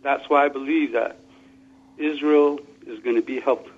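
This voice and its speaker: On a call-in talk show, a man's mid-range voice comes over a muffled, lo-fi phone speaker at a moderate pace with fairly even intonation. He makes his case earnestly, repeatedly restarting small phrases.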